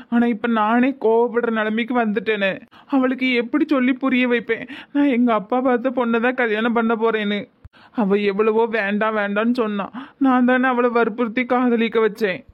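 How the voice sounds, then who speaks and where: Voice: medium pitch, phone-quality sound, close to an everyday voice. A voice actor playing a troubled young man torn between his love and his father, with a Tirunelveli Tamil accent, in a cartoon. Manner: tense, pleading.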